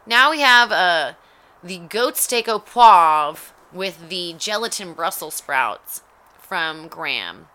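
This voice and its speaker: A woman's voice: fairly low pitch, expressive, slow pace, sharp tone. A woman at home giving wry, sarcastic play-by-play commentary while reacting to a cooking show. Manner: wry, sarcastic running narration. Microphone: home recording mic.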